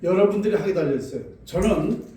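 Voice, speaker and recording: A man's voice: high voice, expressive, fast talker, mellow. Older man lecturing insistently, heavily echoing. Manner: assertive, insistent. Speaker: feng shui lecturer. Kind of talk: lecture question-and-answer. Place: large echoey room with an audience. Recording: very echoey hall, distant mic, faint noise.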